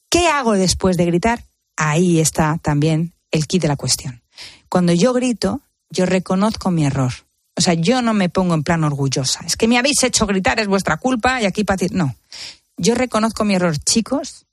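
A woman's voice: mid-range voice, no room sound, clean studio sound. A woman talks animatedly about raising children and acts out the voices of the people she quotes. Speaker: parenting guest expert. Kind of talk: casual chat.

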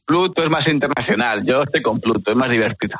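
A man's voice: mid-range voice, fast talker, background noise. A man working as a customer service agent on a phone call, polite and patient and playing along good-humoredly.

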